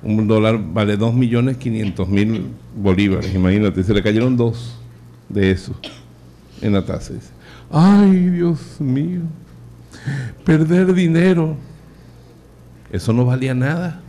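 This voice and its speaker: Priest preaching with jokes. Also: male voice, lowish voice, moderate pace, dark tone. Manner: acts out joke characters with voice changes. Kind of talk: sermon with jokes. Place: church or chapel hall, live audience. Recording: live radio broadcast, faint noise.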